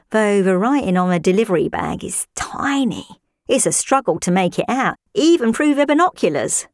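A woman playing a nosy, gossiping married woman who spies on her neighbour, chatty with dry deadpan asides. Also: mid-range voice, no room sound. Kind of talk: comic character monologue.

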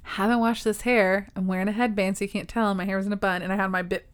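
A woman's voice: medium pitch, level tone, fast, smooth. A young woman co-hosting a podcast, chatting casually with a giggly, teasing manner. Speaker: podcast co-host. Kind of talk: casual chat.

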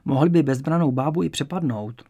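A man's voice: a little high, husky. A man reading an audiobook, voicing a small, chatty old landlady of about seventy who talks in a cautious, fussy way. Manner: fussy, cautious, then eager and warm. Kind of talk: audiobook character voice.

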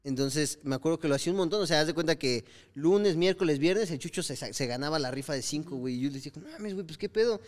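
A man's voice: fairly high pitch, quick pace, few pauses. A man with a Mexican accent in casual podcast chat, telling stories full of slang and acting out the quoted lines of people in them. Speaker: podcast co-host.

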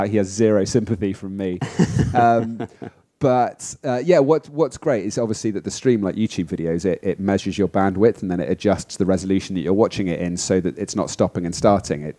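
A man co-hosting a surf podcast, chatting casually, self-deprecating and quick to laugh. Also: sits low, dark tone. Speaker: podcast co-host. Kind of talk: casual chat.

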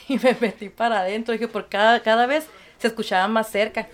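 A woman, a guest recounting her experiences and acting out the voices of others in lively conversation. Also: on the high side, normal speed. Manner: animated, acts out quoted voices, laughs easily. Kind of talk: storytelling in conversation.

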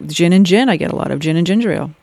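Middle-aged woman, strained voice with vocal fry. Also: on the low side, expressive, racing, darkish tone, no room sound. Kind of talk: casual banter.

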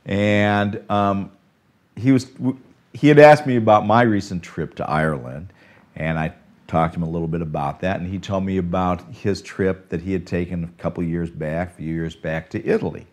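An older man preaching a sermon, earnest and warm in content, swinging between emphatic lines and soft, drawn-out phrases. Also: low-pitched, steady tone. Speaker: pastor.

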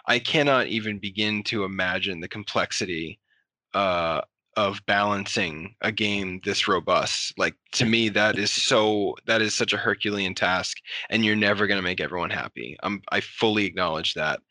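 Bright-voiced man chatting on a podcast. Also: fairly low pitch, normal speed, no echo. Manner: enthusiastic, rambling with fillers. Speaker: podcast host. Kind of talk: casual podcast chat.

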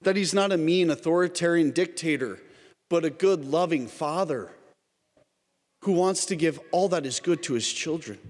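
A man preaching an earnest Lent sermon, calling his listeners "everyone" again and again. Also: a little high. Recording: long reverb, as in a church.

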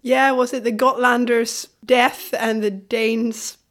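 A woman from Sweden co-hosting a podcast in a conversational way, her voice gravelly from a cold. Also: a little high, level tone, slow pace, a bit bright. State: has a cold. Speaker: podcast co-host.

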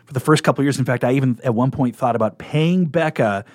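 A man's voice: medium pitch, fast, no echo. A man chatting casually and enthusiastically as a guest on a radio interview program. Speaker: radio talk show guest and coworker.

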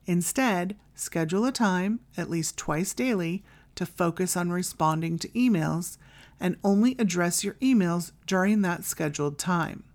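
Female podcast host, slightly low register, delivering scripted tips in a tidy, instructional manner. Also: measured pace, darkish tone. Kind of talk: scripted solo advice narration.

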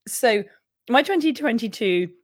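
A young woman co-hosting a podcast, with a croaky, husky voice, chatting and laughing as she rambles. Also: fairly high pitch, expressive, measured pace, dry recording, clean studio sound. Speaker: podcast co-host. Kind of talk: casual podcast chat.

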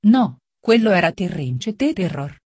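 Calm stubborn gentleman, woman reading him, steady and low-ish, dry mic. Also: measured pace, breathy edge, dry recording, exaggerated voice. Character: calm, stubborn gentleman highwayman, adult man.

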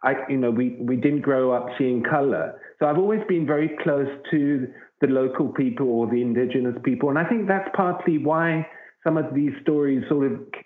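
An earnest man tells a long, rambling story as an interview guest. His voice comes through a tinny, phone-like line with a hollow echo around it. He sits at a middling pitch for a man. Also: normal speed. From southern Africa. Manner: earnest, rambling anecdotal telling. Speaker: wildlife researcher, guest.

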